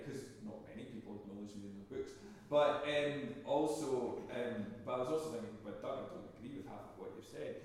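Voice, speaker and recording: Scottish man, minister, sermon with stories, emphatic, hesitant restarts, distant voice. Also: mid-range voice. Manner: animated storytelling, emphatic, with hesitations. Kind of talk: anecdotal sermon talk. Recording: echoey hall, voice from far off.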